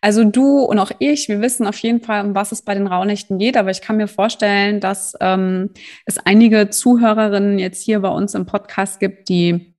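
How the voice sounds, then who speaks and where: A woman's voice: mid-range voice, steady tone, normal speed, a little mellow. A woman in her thirties from northern Germany, a mother and podcast guest, chatting upbeat with lots of fillers. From Bremen, northern Germany. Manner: upbeat, hesitant with many fillers. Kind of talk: casual chat.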